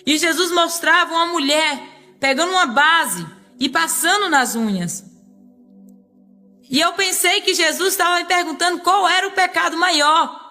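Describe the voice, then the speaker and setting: A woman's voice: very high-pitched, normal speed, pushed and bright, faint music behind. A woman preacher telling an emotional, pleading testimony sermon.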